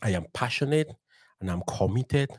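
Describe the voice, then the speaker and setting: Frequent "right?" check-ins punctuate this podcast guest's animated, motivational storytelling, which climbs in preacher-style build-ups. He's a man in his forties, originally from Cameroon, with a mid-range voice and moderate pace. The studio mic on its boom arm sits close, picking up no room sound in the bookshelf-lined studio.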